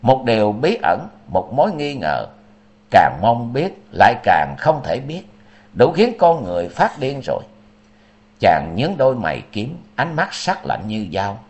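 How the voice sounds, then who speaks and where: A male storyteller with a lively, swinging pitch and a mid-range voice, reading dramatically. He narrates at an even, measured pace. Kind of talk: audiobook narration of a martial-arts novel.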